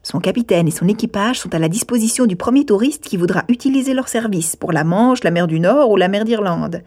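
A woman reading aloud, voicing a calm young gentleman who lays out a plan in a reassuring, matter-of-fact way. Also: medium pitch, brisk, lightly acted.

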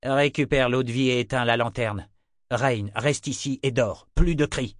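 A man voicing a gruff older brother who gives blunt, fierce orders. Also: mid-range voice, steady tone, normal speed, no echo, clean studio sound, lightly acted. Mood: commanding. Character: gruff, commanding elder brother.

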